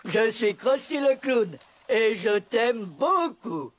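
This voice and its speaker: Menacing cartoon clown doll, extremely high voice, slow, sneering, theatrical, faint music behind. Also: male voice, big pitch swings, exaggerated voice. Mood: sugary. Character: evil talking clown doll, gleefully menacing. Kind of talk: French cartoon dubbing.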